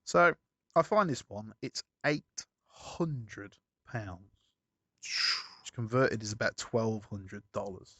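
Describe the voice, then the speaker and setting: Lower-voiced bloke, chatty podcast co-host who rambles and self-corrects, dull lo-fi dry sound. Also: male voice, expressive, takes it slowly, sharp tone, no echo. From United Kingdom. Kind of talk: casual podcast chat.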